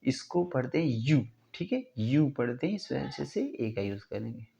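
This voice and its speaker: A man teaching an English grammar lesson step by step, often asking his students whether it is clear and drawing out sounds slowly to show pronunciation. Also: medium pitch, animated, warm tone.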